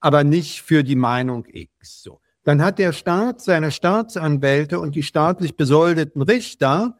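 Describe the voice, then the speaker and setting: An older man from West Berlin answering interview questions at length, measured and often repeating words as he searches for them. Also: on the high side, expressive, no room sound, studio quality. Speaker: guest.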